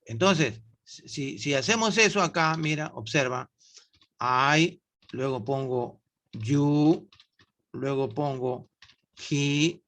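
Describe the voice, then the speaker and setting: A man runs an online English class, explaining grammar slowly and patiently. His voice is bright and a little high for a man, and he keeps checking in with students by asking them questions.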